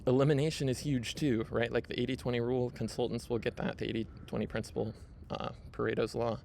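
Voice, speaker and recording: Talking fast, a man hosts a casual screen-share walkthrough of his own video in a mid-range, slightly mellow voice with vocal fry and little pitch movement. He leans heavily on fillers and "right?" tags, with slight background noise.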